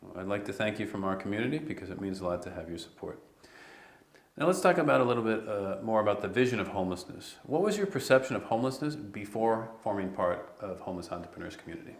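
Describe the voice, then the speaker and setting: A man hosting an interview, asking plain, steady questions. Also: on the low side, quick pace, roomy sound. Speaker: interviewer, host.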